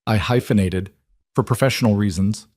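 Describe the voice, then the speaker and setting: A man's voice: fairly low pitch, moderate pace, darkish tone, close to an everyday voice. Man reading as an earnest businesswoman bride. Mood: wry. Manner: earnest, heartfelt. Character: determined successful businesswoman making wedding vows.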